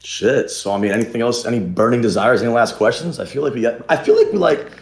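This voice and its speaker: A young man on a video call, chatting as a dating contestant in a deadpan, trolling way with frequent laughs. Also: mid-range voice, fast. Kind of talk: casual video-call chat. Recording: echoey room.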